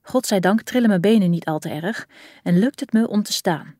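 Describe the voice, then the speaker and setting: A woman reads a first-person novel aloud with expressive storytelling. Her voice sits mid-pitch. The recording is dry and close. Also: moderate pace, no room sound. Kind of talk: audiobook narration.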